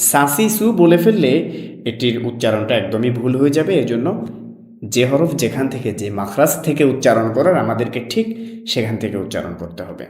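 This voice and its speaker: A man teaching Quran pronunciation, drilling Arabic letters slowly and clearly, then explaining in quicker asides. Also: mid-range voice, darkish tone, echoey room.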